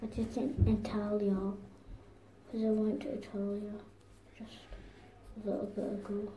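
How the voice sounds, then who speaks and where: A woman's voice: medium pitch, completely flat delivery, measured pace, dark tone, echoey room, a little hiss or hum, rough recording. A young girl chatting casually with a friend while drawing, insistent and a little bossy. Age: child. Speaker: vlog co-host.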